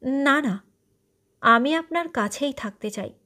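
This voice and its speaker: A woman voicing a devoted young man who speaks haltingly, in a story reading. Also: sits high, animated, bright, forceful tone, voice pushed up, full character voice. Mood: shaken. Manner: halting, faltering.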